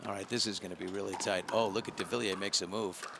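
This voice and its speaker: A man's voice: low-pitched, steady tone, fast, gravelly, very noisy. A man calling a pickleball match as play-by-play commentator, setting the scene and bantering with his co-host. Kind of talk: sports commentary.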